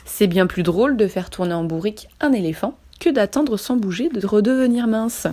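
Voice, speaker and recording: A French woman reading a children's picture book aloud with lively, expressive storytelling. She paces the tale for young listeners, leaning into its funny moments. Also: medium pitch, normal speed. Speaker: after-school childcare worker.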